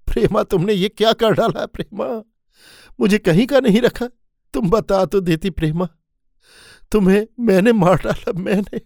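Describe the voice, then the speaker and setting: Man playing a hot-headed young husband, blunt, shouting, plain middle voice, dry. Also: medium pitch, moderate pace, no echo, natural voice. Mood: anguished.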